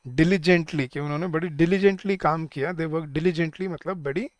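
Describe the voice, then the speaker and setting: A man teaching an exam-prep lesson, explaining in a mix of Hindi and English and reading English sentences slowly. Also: on the high side, no echo. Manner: explains in Hindi mixed with English, often addressing viewers as guys.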